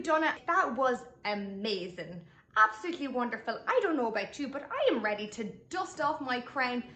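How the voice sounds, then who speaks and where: A woman's voice: high voice, a bit bright. A woman hosting a travel promotion in a chatty, effusive way. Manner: gushing, effusive. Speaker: travel show host. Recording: roomy, echoey sound.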